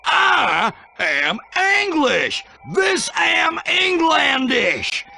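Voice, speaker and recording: A man voicing a belligerent, bigoted American redneck space soldier in a satirical cartoon, crude and gravelly. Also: extremely high pitch, big pitch swings, extremely slow, exaggerated voice. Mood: belligerent, exasperated. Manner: crude, shouting, aggressive.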